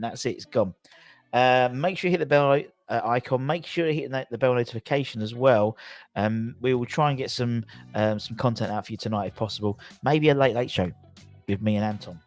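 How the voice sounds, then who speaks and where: Chatting to viewers on a laid-back football fan livestream, this host has a medium-pitched voice and a southern English accent. His talk is jokey and meandering, and he tends to say things more than once.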